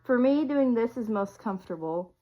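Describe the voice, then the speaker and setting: Still recovering from a cold, a twenties-aged video creator sniffles through a casual, rambling chat peppered with ums and little laughs. She speaks at normal speed with a higher voice and lively intonation, though the audio sounds dull.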